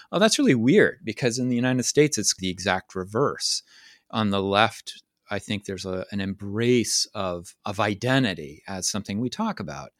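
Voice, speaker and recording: A man's voice: on the low side, dry recording, clean studio sound. A man hosting a podcast interview, asking long, reflective questions. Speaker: podcast host.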